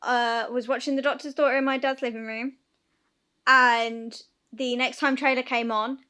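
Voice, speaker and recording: A woman, co-hosting a chatty podcast and telling stories in an animated way. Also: high-pitched, normal speed, smooth. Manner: animated storytelling, laughing and acting out scenes. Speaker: podcast co-host. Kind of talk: casual chat.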